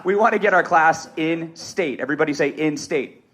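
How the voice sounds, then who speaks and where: A man in his thirties giving an energetic live motivational talk on a museum stage, speaking into a stage microphone. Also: fairly high pitch, a little fast. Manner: energetic, rallying the audience. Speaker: motivational speaker and martial arts instructor. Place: stage at an event venue in a museum.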